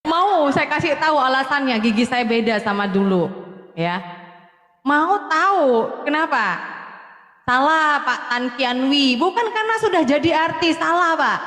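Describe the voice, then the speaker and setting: A woman's voice: high voice, animated, a little slow, a bit bright, echoey room, big-room sound. A woman from Madura, chatting casually on a live stream, laughing often and answering viewers by name. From Madura, Indonesia. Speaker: live-stream host giving testimony.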